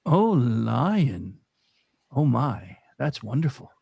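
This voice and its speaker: Scarecrow, male actor: excitable comic radio-play sidekick, mid-pitched, very animated, fretful and exclamatory. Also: very slow, vocal fry, slightly rough, dry recording, studio quality, full character voice. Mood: earnest. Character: excitable, panicky, kindly Scarecrow companion.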